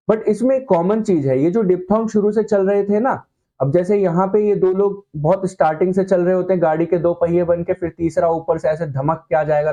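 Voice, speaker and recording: A high-pitched man with a mellow, relaxed tone teaches a shorthand class. He explains with playful comparisons and keeps asking if everyone is following. The sound is dull and slightly lo-fi. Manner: explains with playful analogies, checks in often. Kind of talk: online classroom lesson.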